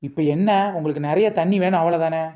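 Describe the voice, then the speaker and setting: A woman acting as a sharp-tongued, cheeky seller's wife in a comedy skit. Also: low voice, quick pace, muffled recording. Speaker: comic actor playing the seller's wife.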